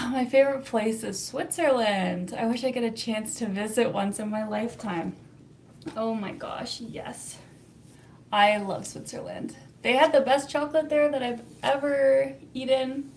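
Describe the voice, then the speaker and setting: A woman's voice: fairly high pitch, steady tone, measured pace, a little hiss or hum. A young Canadian woman with a Canadian accent, hosting a casual livestream, chatty and laughing often as she answers viewer comments. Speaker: livestream host reading chat.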